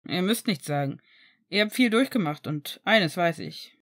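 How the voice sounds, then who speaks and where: A woman voicing an easygoing man, pitched low. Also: lively intonation, moderate pace, fairly bright tone, dry recording, clean studio sound. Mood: friendly. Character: good-humoured male friend, adult.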